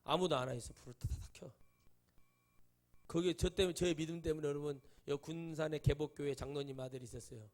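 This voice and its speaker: A middle-aged male pastor preaching a sermon, emphatic with shouted peaks and quiet asides, telling personal stories and acting out other people's voices. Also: fairly high pitch, fast talker.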